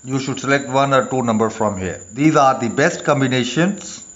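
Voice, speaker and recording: A man who speaks as a narrates an instructional video as a presenter, speaking deliberately in short phrases with pauses. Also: medium pitch, fairly bright tone, muffled recording. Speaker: lottery tips presenter.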